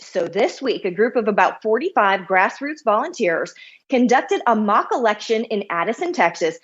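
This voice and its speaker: Upbeat female news correspondent, high voice. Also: dull audio. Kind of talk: scripted news report.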